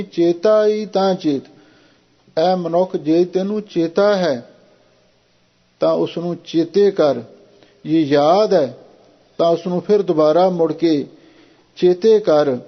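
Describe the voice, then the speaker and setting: A man giving a Sikh devotional sermon, slowly intoning scripture verses and then explaining them in plain talk. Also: fairly high pitch, steady tone, highs cut off.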